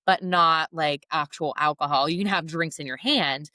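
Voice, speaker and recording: A young woman with a low voice co-hosts a podcast, handing out practical tips with bright enthusiasm. Her sound is close and dry, with no room around it. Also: normal speed, dry recording. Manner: enthusiastic, advice-giving. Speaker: podcast co-host, wedding planner. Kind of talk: casual chat.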